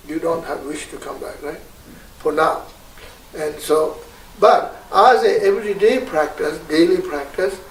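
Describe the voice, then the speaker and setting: Male meditation teacher, very unhurried and halting, gravelly tone, recorded from across a reverberant room. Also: on the high side, slight background noise. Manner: slow, halting, searching for words; calls out meditation syllables sharply. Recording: roomy, distant mic, faint ambience.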